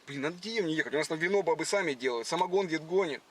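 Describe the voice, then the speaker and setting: A brash young country guy, put on by a man for a prank, lisping and cocky. He rattles off crude village slang at great speed in a slightly high voice. The sound is distant and noisy, from inside a car. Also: expressive, racing, lightly acted. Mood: incredulous. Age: young adult. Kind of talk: in-character prank date conversation.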